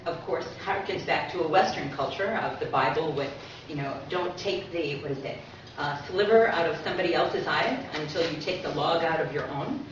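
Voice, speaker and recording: In a muffled, noisy recording taken from far back in an echoey community-centre hall, a low-pitched woman gives a conversational public talk about her book as guest speaker. She adds small asides and reads aloud a series of aphorisms.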